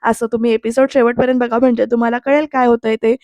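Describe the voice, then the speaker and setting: A woman's voice: on the high side, level tone, fast, a little mellow, dry recording, muffled recording. A woman narrating a voice-over episode recap of a TV serial, chatting directly to her viewers. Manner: chatty storyteller addressing viewers. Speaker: serial reviewer.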